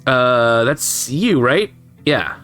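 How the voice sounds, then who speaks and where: A man's voice: medium pitch, lively intonation, very slow, a bit bright, soft background music. A man co-hosting an anime podcast, tossing in sarcastic remarks. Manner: sarcastic interjections. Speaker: podcast co-host. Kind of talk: casual anime review chat.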